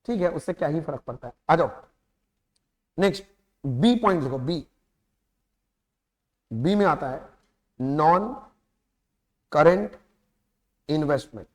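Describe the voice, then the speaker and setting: A man with an Indian accent lectures a class on accounting, firing quick check-in questions at his students and slowing right down to stretch out key terms. His voice sits fairly high for a man. The classroom leaves a long, ringing reverb behind every line. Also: animated. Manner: talks straight to students, quizzing them with quick questions; lapses into slow, drawn-out words when stressing terms. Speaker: accounting teacher.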